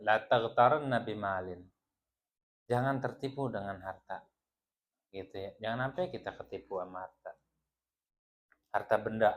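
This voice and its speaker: With a lowish voice at a moderate pace, a man who teaches a women's Islamic study group pauses often. His talk is playful and teasing, and he frequently shares laughs with the group.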